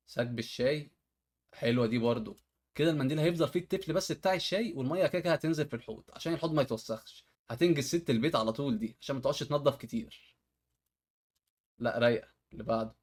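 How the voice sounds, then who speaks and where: Fast-talking Egyptian man reacting to videos. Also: medium pitch. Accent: Egyptian Arabic. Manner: amused, exclaims at tricks. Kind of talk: casual reaction commentary.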